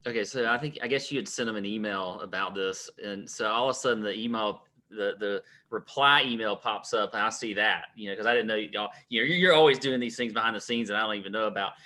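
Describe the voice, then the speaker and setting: A man with a bright, forceful voice, co-hosting a casual golf betting podcast. He tells stories in an animated way, full of "like" and "y'all". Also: fairly low pitch, quick pace, hardly any pauses. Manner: animated storytelling, drawls "y'all". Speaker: podcast co-host.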